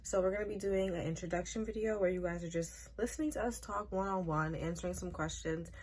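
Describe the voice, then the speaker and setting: Young woman, lower-pitched. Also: quick pace, a little mellow, a little hiss or hum. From Queens, New York. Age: early 20s. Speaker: podcast host. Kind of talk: casual introduction to camera.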